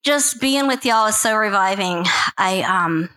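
A woman's voice: mid-range voice, expressive, measured pace, rough recording. A woman in her forties with a faint Southern accent, a missionary giving a rambling, good-humored testimony at church, laughing often. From Louisiana, US. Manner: warm, rambling, laughs often, says y'all. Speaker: missionary guest speaker.

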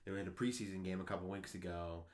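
A man co-hosting a relaxed sports podcast speaks quickly in a low voice. He's keen to tell his story, but it rambles and keeps restarting as his excitement takes over.

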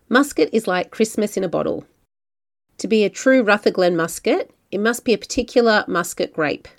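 A woman's voice: mid-range voice, gravelly. A woman with an Australian accent hosts a wine travel podcast. She reads her narration in a friendly, conversational way and then chats easily with her guest. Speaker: podcast host. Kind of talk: scripted narration and casual interview.

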